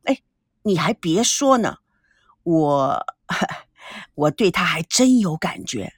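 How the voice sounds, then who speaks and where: A woman's voice: fairly low pitch, sing-song, takes it slowly, husky, dry recording, clean studio sound, voice pushed down, exaggerated voice. Woman doing a cheeky playful young man. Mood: wistful. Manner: joking, cheeky, sometimes sighing.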